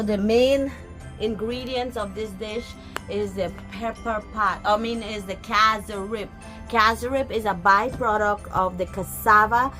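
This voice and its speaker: With a sharp tone at medium pitch, a Guyanese woman in her backyard casually cooks through a recipe for her vlog, speaking with a Guyanese accent. She chats along with viewers and talks to her pets.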